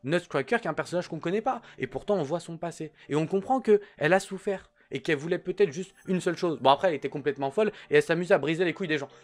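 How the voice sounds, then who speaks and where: A man's voice: on the high side, racing, few pauses. A man casually reviewing an anime episode in slangy talk, speaking straight to the viewer.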